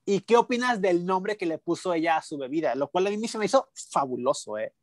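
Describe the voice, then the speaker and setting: A man in casual, camp chat, reviewing a competition show and agreeing quickly with his co-host. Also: sits high, animated, no echo, clean studio sound.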